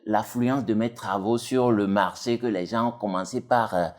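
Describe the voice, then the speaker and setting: A man's voice: fairly even intonation, moderate pace. A man talks casually as an interview guest. He rambles, restarting sentences and leaning on fillers as he explains his dubbing work. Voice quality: deep voice. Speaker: dubbing actor and technician, guest.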